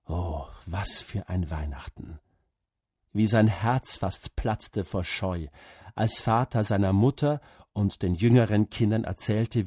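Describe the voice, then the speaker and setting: A man reading a story aloud, slow and expressive. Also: fairly low pitch, breathy edge, no echo, clean studio sound. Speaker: narrator.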